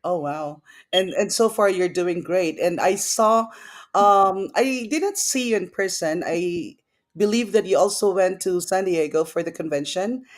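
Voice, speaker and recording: A woman's voice: lowish voice, unhurried. Woman host, upbeat and effusive, interviewing a guest. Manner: enthusiastic, effusive. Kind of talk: online interview.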